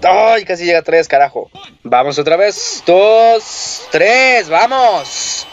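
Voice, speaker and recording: Excitable, foul-mouthed young game commentator. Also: male voice, sits high, slow pace. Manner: excitable, profane, yelling at the game. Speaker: gameplay commentator. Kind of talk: casual gameplay commentary. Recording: lo-fi muffled recording.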